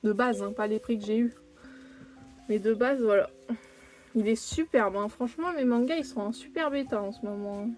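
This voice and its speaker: A young woman talks her way through an unboxing at home in a fairly high voice. She rambles, cuts herself off and tacks little fillers onto her sentences. Faint music plays underneath. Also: moderate pace, darkish tone. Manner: chatty, rambling, self-interrupting with many "hein". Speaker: manga collector vlogger. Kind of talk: casual unboxing chat to camera. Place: home room near her desk.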